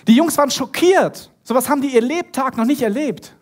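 Animated, husky-voiced man preaching a sermon. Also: very high-pitched, fairly quick. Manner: animated storytelling, addresses listeners directly. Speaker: pastor.

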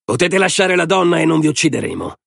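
Man doing a loud raised-voice thug, barking orders, bossy, audiobook figure. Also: on the high side, very animated, quick pace, gravelly, dry recording, studio quality, voice pushed up, heavily acted. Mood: gruff. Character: rough loud male camp enforcer, bossy.

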